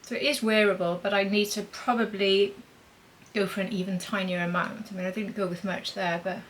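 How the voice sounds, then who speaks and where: A woman's voice: mid-range voice, steady tone, fairly quick, slight background noise, poor audio. Chatty woman doing a makeup demo. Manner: chatty, thinking aloud while applying makeup. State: talking with a mint in her mouth. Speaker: beauty vlogger. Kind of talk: makeup demonstration vlog.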